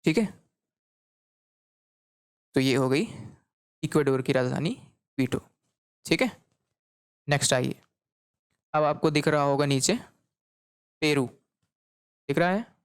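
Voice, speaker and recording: Man, geography teacher, clear resonant delivery, quizzes students by repeating each answer. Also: on the high side, dry recording, clean studio sound. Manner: repeats key points as quiz questions, frequent "okay" checks. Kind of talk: recorded map lecture.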